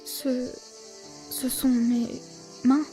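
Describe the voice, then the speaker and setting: A woman voicing a frightened, gentle young goat-monster boy in a fan dub, trembling, halting and tearful. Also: a little high, level tone, low-quality recording. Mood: shaken. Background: music.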